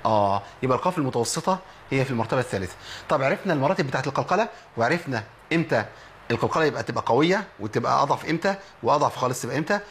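Fast-talking Egyptian recitation teacher. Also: male voice, medium pitch, lively intonation, fairly bright tone, slight background noise. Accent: Egyptian Arabic. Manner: explains with rhetorical questions and demonstrates sounds. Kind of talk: tajweed lesson.

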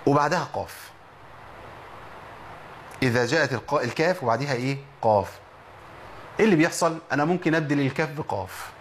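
A man with an Egyptian Arabic accent teaching Quran recitation, explaining quickly and reciting slowly to show mistakes. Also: fairly high pitch, fairly bright tone, a little hiss or hum. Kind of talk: tajweed lesson.

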